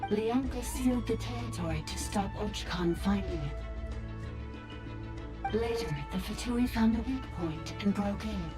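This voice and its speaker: An actress voicing an ancient, formal machine being whose voice comes through a choppy, breaking-up signal. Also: female voice, mid-range voice, measured pace. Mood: detached. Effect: choppy, breaking-up transmitted signal. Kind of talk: game voice acting. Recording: echoey studio mix with game music.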